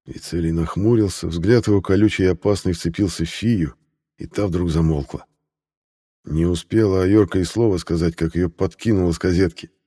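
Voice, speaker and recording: A man reads a fantasy novel aloud in a low, measured voice. His tone is mellow and dark, and he keeps an even, steady delivery. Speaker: audiobook narrator. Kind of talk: fantasy audiobook narration.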